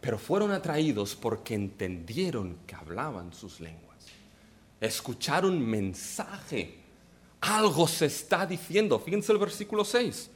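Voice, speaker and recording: A man's voice: medium pitch, sing-song, a little slow. A man preaching a sermon, asking the congregation rhetorical questions and making playful asides. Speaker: pastor.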